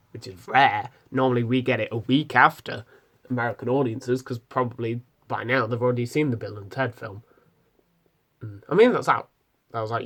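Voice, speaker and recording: A man's voice: medium pitch, a bit bright. A young British man with a British accent, giving a rambling, casual film review full of ums and restarts. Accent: British English. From Britain. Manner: rambling, many ums and self-corrections.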